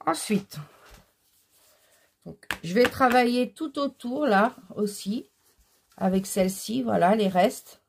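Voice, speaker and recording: A woman's voice: fairly high pitch, measured pace, gravelly, husky. A woman hosting a casual craft tutorial, explaining each step while she works, with frequent fillers. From France.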